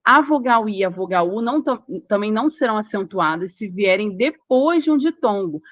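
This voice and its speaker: A woman's voice: mid-range voice, lively intonation, a little fast, no echo. Dry-voiced Brazilian woman teaching grammar. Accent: Brazilian Portuguese. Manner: explanatory, repeats key words and checks understanding with the listener. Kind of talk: recorded grammar lesson for exam prep.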